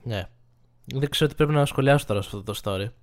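A man co-hosting a podcast in casual chat, teasing with dry sarcasm. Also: medium pitch. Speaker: podcast co-host.

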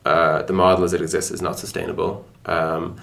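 A tech product executive in a casual podcast interview speaks briskly in a low, creaky voice that's a bit bright and shows little pitch movement. He explains conversationally, reaching for words as he goes.

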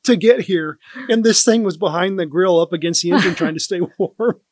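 A man's voice: sits high, a little fast, dry recording. A man, a first responder and podcast guest, telling a work story in a casual, rambling way with plenty of fillers. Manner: relaxed anecdote teller, lots of "like" and "um".

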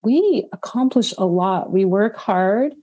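A middle-aged woman farmer talking in a relaxed interview, reflective and unhurried, with frequent "um"s. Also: mid-range voice, lo-fi sound. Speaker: guest homestead farmer. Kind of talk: casual conversational interview.

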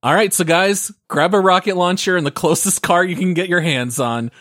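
A man's voice: sits high, moderate pace, a bit bright, no room sound, clean studio sound. A man hosting a gaming podcast, upbeat and organized as he introduces the segment. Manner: upbeat, organized, leads the show. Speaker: podcast host. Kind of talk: casual podcast chat with scripted segment intros.

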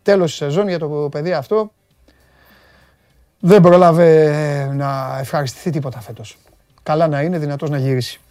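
Joking sports talk host. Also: male voice, on the high side, long pauses, clean tone, no room sound. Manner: joking, animated, banters with studio crew. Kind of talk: casual sports talk, reading viewer comments.

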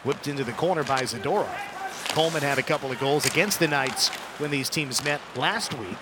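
A man's voice: medium pitch, fairly quick, background noise. A man giving live hockey commentary as play-by-play announcer, with dramatic calls on big plays. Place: arena broadcast booth.

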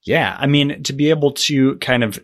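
A man co-hosting a podcast, relaxed and a bit rambling. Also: medium pitch, normal speed, dry recording. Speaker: podcast co-host. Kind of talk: casual podcast chat.

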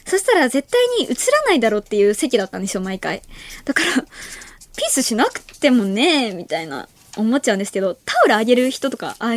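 Giggly teen girl radio host, high voice, chatty and playful, dry studio mic. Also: fairly bright tone, no echo. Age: late teens. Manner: giggly, laughs often between remarks; chatty, playful, talks to listeners directly. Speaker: late-night radio host. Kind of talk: casual radio chat reading listener mail. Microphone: studio microphone.

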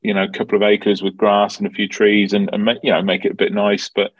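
Male interviewee, Dublin Irish accent; low voice, very flat intonation, informal explainer. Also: fast talker, no echo, highs cut off. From Dublin, Ireland. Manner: explanatory, informal, peppered with 'you know'. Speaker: farm manager, interview guest. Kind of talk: conversational interview answers.

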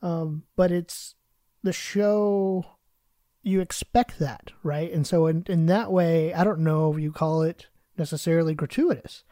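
A man's voice: a little high, a little slow, dark tone, no echo, clean studio sound. A man co-hosting a podcast in a casual, conversational chat style. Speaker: podcast co-host.

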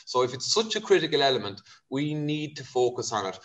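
A man's voice: mid-range voice, sing-song, a little fast. Kerry man with a west of Ireland accent. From County Kerry, Ireland. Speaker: vet, expert guest. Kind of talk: conversational expert explanation.

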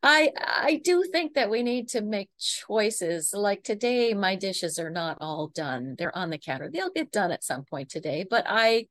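A woman's voice: medium pitch, animated, measured pace, hardly any pauses, a bit bright, dry recording. A middle-aged woman coach, a guest on a podcast, talking about marriage in an encouraging, affirming, teaching way. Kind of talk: podcast interview.

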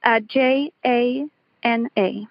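High-voiced woman calling in over the phone. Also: slow pace, no room sound. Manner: hesitant, with fillers and restarts. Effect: caller heard over a phone line. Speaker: caller to a call-in podcast.

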